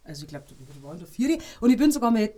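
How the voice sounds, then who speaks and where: A woman with a Bavarian accent, a podcast guest telling lively anecdotes in casual chat and laughing between them. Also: mid-range voice, fast talker. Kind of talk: casual storytelling.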